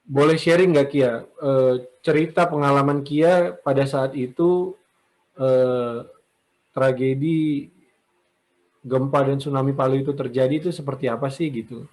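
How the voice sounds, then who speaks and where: A man hosts a relaxed podcast conversation. His voice sits at a middle pitch. His questions run long and wander before reaching the point. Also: measured pace, long pauses, poor audio. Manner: asks long, meandering questions. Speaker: podcast host. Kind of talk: casual interview chat.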